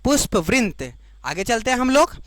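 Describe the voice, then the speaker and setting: A woman teaching biology to exam students, repeating each key term slowly and checking that the class follows. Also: on the high side, very animated, a bit bright, no room sound. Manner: explains in Hindi, giving the English term for each.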